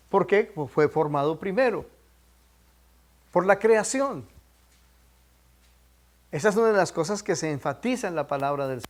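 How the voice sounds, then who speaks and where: A man with a high voice teaches a Bible class. He drives his points home by saying them again and prompting the listeners to call out answers. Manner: quizzes listeners with prompting questions; emphatic, repeats key points.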